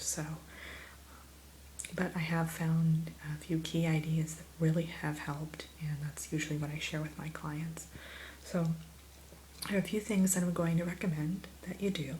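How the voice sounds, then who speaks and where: A woman in an ASMR role-play as an attentive spa consultant, gently talking a client through questions and advice like a spa receptionist. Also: low-pitched, little pitch movement, measured pace, rough recording. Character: soothing, attentive female spa sleep consultant. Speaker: ASMR performer playing a spa sleep consultant. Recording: close soft voice with background hiss.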